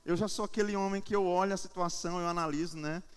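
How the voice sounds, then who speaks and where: A man in his thirties delivers a sermon as pastor, moving from quiet storytelling to emphatic preaching. His voice sits fairly high for a man. The sound carries a long reverb from a church sanctuary. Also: fairly even intonation, quick pace, clean tone. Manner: storytelling, shifting between soft anecdote and emphatic preaching.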